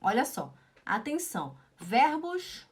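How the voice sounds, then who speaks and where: A young Brazilian woman with a slightly high voice teaches German in a live-streamed lesson. She is chatty and informal, reading viewers' comments aloud. She keeps asking "né?" as she talks. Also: sing-song, takes it slowly, breathy edge. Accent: Brazilian Portuguese.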